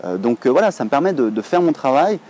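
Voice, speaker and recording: A man's voice: mid-range voice, big pitch swings, fast talker, darkish tone. A French man in his thirties talking casually to camera, chatty and rambling with many hesitations. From France. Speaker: online English teacher, blogger.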